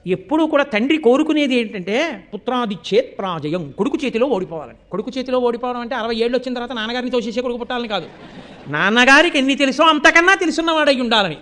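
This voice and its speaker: Male religious orator, very high pitch, animated storytelling with chanted verses, loud stresses dropping to hushed asides. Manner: swings between loud emphasis and hushed asides. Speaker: spiritual discourse speaker. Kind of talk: religious discourse on scripture.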